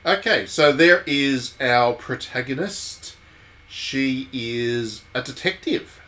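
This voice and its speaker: Here a medium-pitched man takes his time, thinking aloud and wandering in his remarks while casually narrating his visual novel stream. The recording carries steady background noise.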